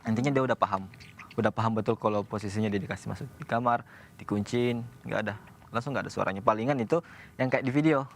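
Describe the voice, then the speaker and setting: A man from Indonesia, a single father, talks casually as a radio guest, pausing and restarting as he searches for words. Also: fairly low pitch, gravelly. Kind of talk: casual interview talk. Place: radio studio.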